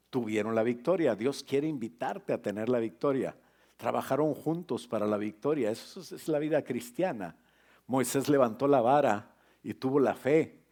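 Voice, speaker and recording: A middle-aged male pastor preaching a sermon, lively and joking with his congregation. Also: mid-range voice.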